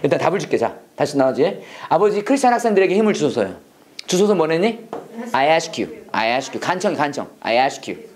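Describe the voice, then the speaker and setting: An instructor teaches prayer-English in a classroom, with a voice that leaps up and down across a wide, expressive range. Questions keep coming at the students, who are pushed to repeat each line. Casual explanation alternates with English phrases spoken slowly and deliberately. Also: medium pitch, slight background noise. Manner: lively, coaxing, asks the class questions and has them repeat; switches between Korean explanation and slow English model phrases. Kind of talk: classroom lecture with call-and-response drills.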